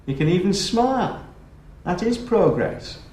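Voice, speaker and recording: An actor playing an awkward, weary middle-aged male schoolmaster in a British TV soap, talking haltingly with sudden sharp outbursts. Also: sits high, sing-song. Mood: conciliatory. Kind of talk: 1980s British TV soap acting. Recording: roomy echo, faint hiss.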